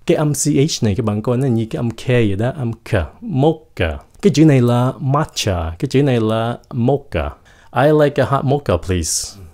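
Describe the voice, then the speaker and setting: A man whose first language is Vietnamese, teaching English pronunciation in a casual video lesson, slowly and deliberately demonstrating each word. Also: mid-range voice, mellow. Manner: slow, deliberate demonstration of words.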